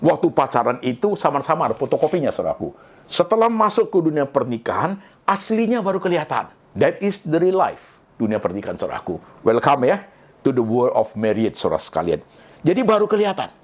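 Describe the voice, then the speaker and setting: Middle-aged male pastor from Indonesia, lively preaching, swings his pitch widely. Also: brisk. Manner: lively preaching, often addresses listeners as brothers and sisters; mixes English phrases into speech. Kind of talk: sermon.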